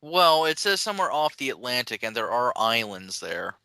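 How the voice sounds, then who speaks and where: Sarcastic, bright-voiced man bantering. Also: mid-range voice, big pitch swings, normal speed, gravelly, clear, resonant tone, no room sound. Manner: sarcastic, teasing. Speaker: podcast co-host. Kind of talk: casual banter.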